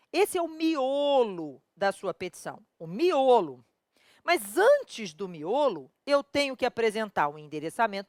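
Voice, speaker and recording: Middle-aged Brazilian woman with a Brazilian Portuguese accent, law teacher, lively and direct with her class, high voice that swoops a lot. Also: no room sound. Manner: animated, addresses students directly with rhetorical questions. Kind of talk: lively spoken lecture to exam students.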